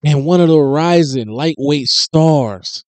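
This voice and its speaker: A man in his thirties hosting a casual sports commentary show, talking in a conversational, animated way with frequent fillers and restarts, into a studio microphone in a small home studio. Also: fairly high pitch, slow, no echo. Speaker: host. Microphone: studio mic on boom close to mouth.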